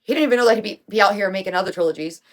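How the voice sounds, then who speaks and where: A young woman in her own casual commentary, breaking down an artist's albums. She talks in an emphatic, chatty way, full of slang and the odd swear, with a voice of middling pitch. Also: very fast. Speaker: music commentary creator. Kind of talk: casual video essay commentary.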